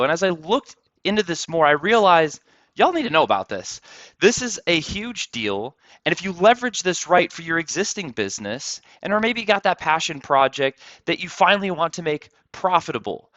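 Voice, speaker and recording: Male host, hyped and punchy, fairly high and bright, dry dull lo-fi sound. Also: sing-song, no echo. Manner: hyped, fast, repeats words. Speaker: podcast host. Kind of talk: energetic interview intro and chat.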